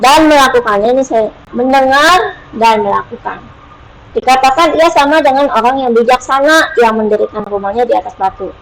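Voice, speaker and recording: A woman teaching an online Bible study in a casual, unhurried way, pausing often with hesitations and acting out prayers with lively emphasis. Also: on the high side, slight background noise, poor audio.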